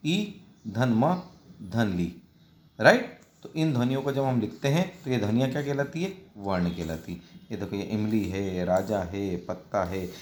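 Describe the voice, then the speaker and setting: A man teaching a children's grammar lesson, asking questions and answering them himself, spelling words out slowly and mixing in English words. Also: medium pitch, a little mellow. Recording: echoey room.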